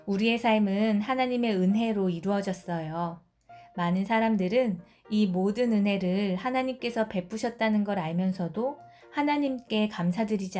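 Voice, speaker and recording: A woman telling a scripted Bible story for children in a gentle way, asking her listeners questions. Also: mid-range voice.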